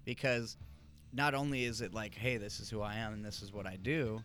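A man's voice: lowish voice, steady tone, a little fast. Male co-host, loose, profane and meandering; faint music underneath. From Arizona, USA. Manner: profane, rambling, loses his train of thought. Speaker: podcast co-host. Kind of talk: casual chat.

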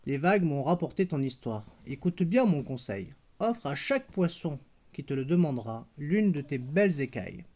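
A parent reading aloud and voicing a wise old octopus who gives calm advice from a dark cave. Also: medium pitch, normal speed.

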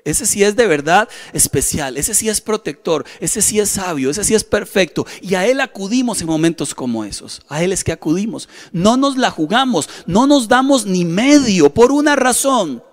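High-voiced Costa Rican pastor preaching. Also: male voice, animated, normal speed, few pauses. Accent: Costa Rican Spanish. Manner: storytelling, repeats phrases, acts out inner voices. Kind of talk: sermon.

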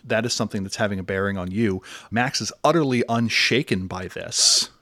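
A man's voice: fairly low pitch, fairly quick, bright, forceful tone, no echo, studio quality. A man narrating a tabletop game as game master in a descriptive, thoughtful way. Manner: descriptive, thoughtful, with frequent fillers.

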